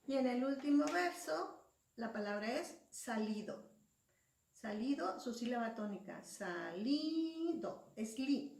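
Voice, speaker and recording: A woman's voice: on the high side, expressive, a little slow, vocal fry, a little mellow. A woman teacher explaining a lesson patiently, spelling out syllables and letters one by one. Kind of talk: slow classroom explanation. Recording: echoey room, voice far from mic.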